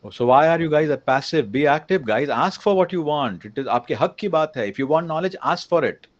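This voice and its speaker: A man's voice: a little high, animated, fast. Indian male teacher lecturing a class. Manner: conversational, questioning the class, mixes in Hindi. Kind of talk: interactive lecture. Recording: dull lo-fi recording.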